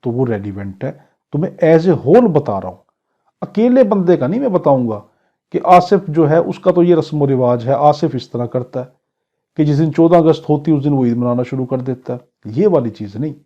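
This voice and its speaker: His voice is a little high, warm, and expressive. This Pakistani-accented man gives a didactic exam-prep law lecture, slowly reading English clauses and then explaining them in Urdu, with examples and questions he answers himself. The recording is dull and lo-fi.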